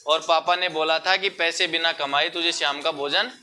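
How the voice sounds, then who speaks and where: A man's voice: a little high, fairly even intonation, normal speed, heavy background noise. A young man teaching schoolchildren in a classroom, explaining patiently and mixing in English words. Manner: explains patiently, addresses pupils as beta, mixes English words. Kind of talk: classroom Hindi lesson.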